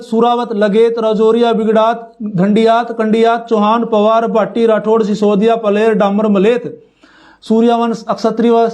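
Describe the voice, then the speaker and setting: A man with a Haryanvi accent giving an informal talk, reading long lists of clan names slowly and then speaking in brisker asides to his friends. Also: very high-pitched. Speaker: community speaker.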